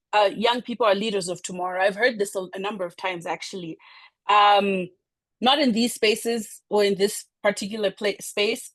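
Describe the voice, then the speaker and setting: A woman's voice: mid-range voice, dry recording. A woman in her thirties from Zimbabwe, giving a talk in a conversational way with many fillers and restarts. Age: 30s. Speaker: speaker. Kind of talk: informal presentation talk.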